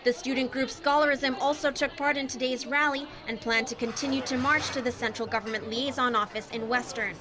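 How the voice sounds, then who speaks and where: At a protest on a busy street, a woman reporter gives a scripted news report from the scene, clear street noise audible behind her. Her high voice holds a steady tone, and she talks a little fast with few pauses.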